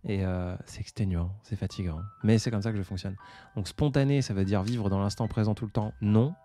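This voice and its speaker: A man's voice: on the low side, fairly quick, dark tone, soft background music. A man in his twenties hosting a casual live stream, answering viewer comments in a hesitant, reflective way with many fillers. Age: 20s. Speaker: livestream host.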